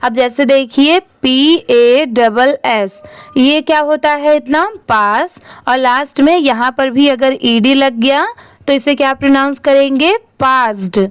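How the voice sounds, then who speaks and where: A woman teaching English reading, spelling words out letter by letter and saying each one slowly for learners. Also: high voice, no echo, clean studio sound, soft background music. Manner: spells words letter by letter in Hindi, then says them slowly.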